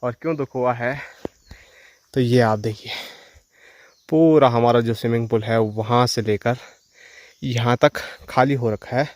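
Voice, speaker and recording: A man's voice: medium pitch, a little slow, long pauses, a little mellow. A man chatting to his viewers while walking outdoors in a forest. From Himalayan hills of northern India. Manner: chatty, addresses viewers directly. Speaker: village vlogger. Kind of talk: casual walk-and-talk vlog. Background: insects and rural outdoor sounds.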